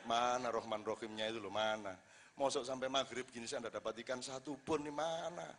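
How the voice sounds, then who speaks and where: A preacher puts on a brash fisherman who haggles with God, cheeky and mock-indignant, pitched well below his usual voice. He speaks in a low, grumbling tone, as if bargaining at a market stall. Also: a little fast, fairly bright tone, a little hiss or hum, close to an everyday voice. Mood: indignant haggling. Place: large hall at an evening religious gathering.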